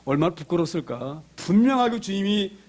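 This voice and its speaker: High-voiced Korean-speaking pastor preaching animatedly. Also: male voice, brisk. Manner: animated preaching with sudden loud outbursts and dramatized quotes. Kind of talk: sermon.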